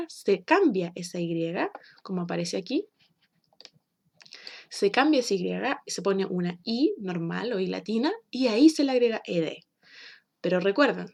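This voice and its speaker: A woman from Chile, explaining a recorded English lesson for children slowly and patiently. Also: medium pitch, a little mellow. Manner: slow, clear, patient explaining with drawn-out example words. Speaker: English teacher.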